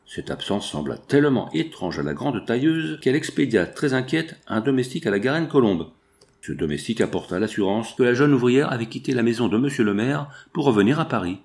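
A man narrating a classic novel aloud in a steady literary reading. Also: medium pitch, brisk, gravelly. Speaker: audiobook narrator.

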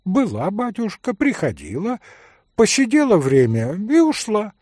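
A man reading an audiobook, voicing a fussy, scolding old female servant in a shrill, raised voice. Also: wildly swooping pitch, darkish tone, no echo, clean studio sound, full character voice. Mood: chatty. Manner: shrill, quick to scold then chatty.

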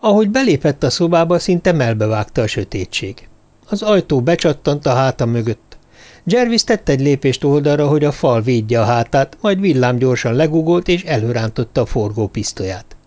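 A man reading a thriller novel aloud as an audiobook narrator, calm and measured. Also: medium pitch. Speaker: audiobook reader. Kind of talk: scripted narration.

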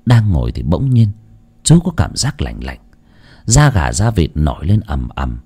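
A man narrating a village ghost story in a hushed, dramatic manner. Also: rumbling low, very animated, measured pace, slightly rough.

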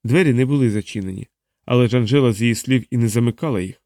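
A man narrating an audiobook in an even, measured storytelling voice. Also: medium pitch, no echo, clean studio sound.

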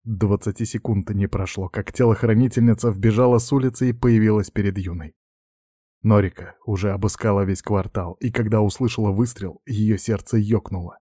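A man reading a novel aloud as scripted narration in a steady, measured way. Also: lowish voice, no room sound, studio quality. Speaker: audiobook narrator.

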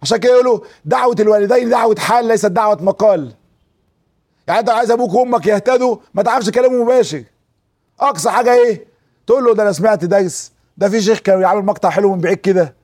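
A man's voice: high voice, racing. A man speaking with an Egyptian Arabic accent, giving a religious lesson to an audience and acting out quoted speech as he tells stories. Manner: animated storyteller who acts out quoted speech. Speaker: preacher.

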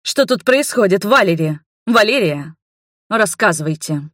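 A woman's voice: fairly low pitch, moderate pace, dry recording, clean studio sound, natural voice. A woman voicing an imperious noble mother who insists on answers in a commanding tone. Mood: demanding.

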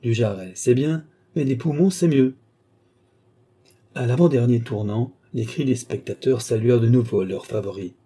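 A man narrating a classic novel in a measured, even storytelling delivery. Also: mid-range voice, breathy edge. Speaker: audiobook narrator. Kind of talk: scripted literary narration.

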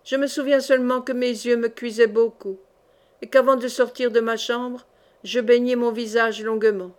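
Une femme qui lit un roman à voix haute, d'une lecture lente et mesurée. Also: female voice, a little high, level tone, normal speed, darkish tone. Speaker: audiobook reader. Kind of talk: scripted narration of a novel.

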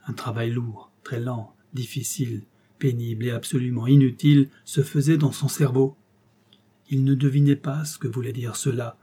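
Man reading an audiobook, calm measured narration, husky mellow voice. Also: medium pitch. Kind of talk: scripted literary narration.

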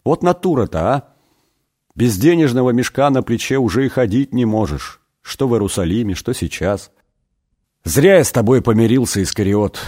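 A man voicing Jesus as a stern, measured figure scolding a disciple. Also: fairly low pitch, a little mellow. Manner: measured, reproachful.

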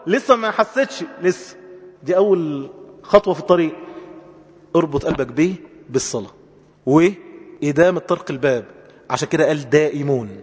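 A man with an Egyptian accent delivers a sermon, pressing his points with emphatic, high-flung exclamations. His voice sits on the higher side for a man. It rings out with a long reverb, as if in a large hall. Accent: Egyptian Arabic. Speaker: preacher.

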